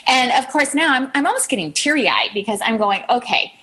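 A woman's voice: high-pitched, big pitch swings, a little fast, bright, forceful tone, breathy edge. A woman co-hosting a chat show, telling a story in a chatty, self-mocking way. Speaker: podcast co-host.

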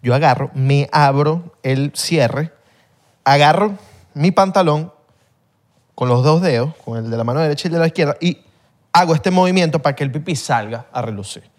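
A man's voice: fairly high pitch, moderate pace. A man co-hosting a casual podcast. He jokes around and chimes in with short agreements. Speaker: podcast co-host. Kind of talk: casual chat.

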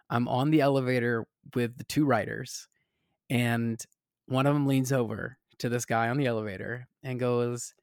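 A man's voice: mid-range voice, vocal fry, no echo. Southern-raised man, casual rambling storyteller, restarts a lot, dry close sound. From American South. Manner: rambling with many fillers and restarts.

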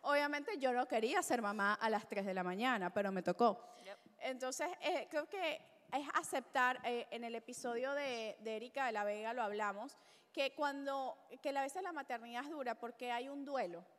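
Bright-voiced woman hosting a live podcast. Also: on the high side, normal speed. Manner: lively, mixes English into Spanish. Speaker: podcast host. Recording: reverberant live venue.

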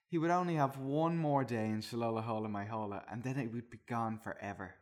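A man's voice: medium pitch, brisk. A man reading a comic story aloud, slipping into silly voices and often laughing. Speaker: reader of a comedy story.

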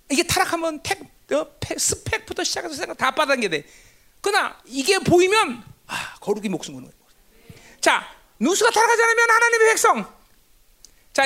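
A woman giving a sermon-style Bible lecture. She keeps asking her listeners rhetorical questions and answers them herself, with emphatic bursts and sudden low, hushed asides. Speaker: Bible teacher.

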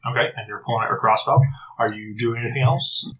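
A man running a tabletop game as game master, describing the scene with halting, filler-laden narration. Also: mid-range voice, crowd noise, low-quality recording.

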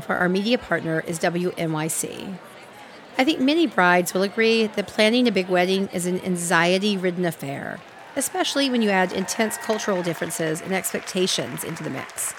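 A woman hosting a radio show, reading scripted introductions in a smooth, measured way. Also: medium pitch, animated, faint music behind, a faint crowd.

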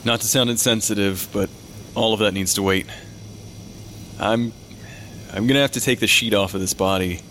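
A man's voice: fairly low pitch, fairly even intonation, moderate pace, pauses often, fairly bright tone, slight background noise, natural voice. A man playing a weary, matter-of-fact medical examiner who talks to ghosts in an audio drama. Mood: apologetic, reassuring. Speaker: pathologist.

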